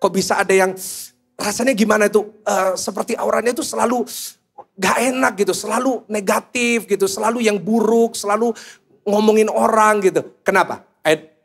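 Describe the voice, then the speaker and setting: A man's voice: high-pitched, fairly quick, creaky, breathy edge. A male pastor preaching a sermon to a congregation, joking and asking the listeners questions. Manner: jokey, animated, asks the congregation questions. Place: church service before a congregation.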